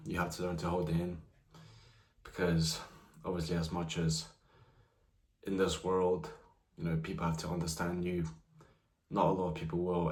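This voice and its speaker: The recording is reverberant, and the young man's voice is low with a darkish tone. At nineteen, he rambles casually to camera about his life as a vlogger, dropping "you know" again and again.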